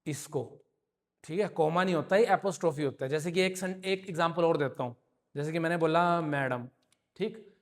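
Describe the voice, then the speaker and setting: A man teaching an English grammar lesson to a class, explaining patiently and often checking that students follow. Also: fairly high pitch. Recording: long reverb in a hall.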